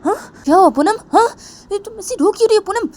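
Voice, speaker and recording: A woman's voice: extremely high pitch, animated, quick pace, a little mellow, pitched above the performer's own voice. A woman voicing a caring young woman coworker in a told story, asking anxious questions over and over. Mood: worried. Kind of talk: storybook narration acting.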